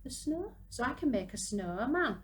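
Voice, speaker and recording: With a slightly high, sing-song voice at a moderate pace, a woman in her thirties chats instructively through a craft activity for parents and little ones, working along as she speaks. Slight background noise can be heard.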